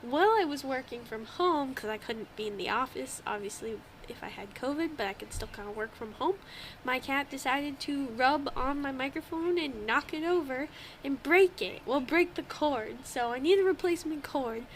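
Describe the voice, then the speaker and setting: A young woman with a stuffy, congested nose co-hosts a podcast in a casual chat, swearing freely and laughing often. Her voice is high-pitched at a normal speed. The old home microphone picks up slight background noise.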